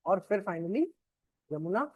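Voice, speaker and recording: A man's voice: sits high, lively intonation, slow, slightly rough, dry recording. A male teacher with a Hindi accent giving a classroom geography lecture, explaining step by step, checking in with his students and asking them questions. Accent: Indian Hindi. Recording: dry, dull lo-fi classroom recording.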